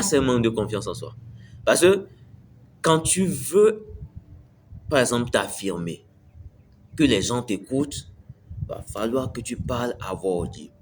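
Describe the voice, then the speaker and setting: Slight background noise sits under this man's mid-range voice. As a self-improvement video host, he delivers a conversational motivational talk to camera, repeating phrases and asking "tu me suis" to check the listener is following.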